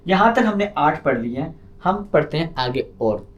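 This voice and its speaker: A man with a Pakistani Urdu accent teaching an online lesson. He explains patiently and drills each sound by repeating it loudly. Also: on the high side, sing-song, moderate pace, highs cut off. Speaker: language teacher.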